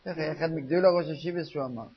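A man's voice: fairly high pitch, husky. An older man talking informally as a rabbi, emphatic, repeating phrases for weight. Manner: emphatic, repeats phrases, mixes in Yiddish-style German. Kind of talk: informal talk to listeners. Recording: dull, lo-fi recording.

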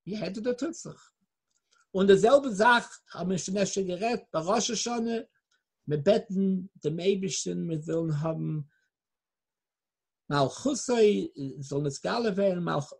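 Slow, husky, emphatic religious teacher. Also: lively intonation. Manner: emphatic, swings from low murmurs to loud bursts. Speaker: Torah teacher. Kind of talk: religious lecture with Hebrew quotations.

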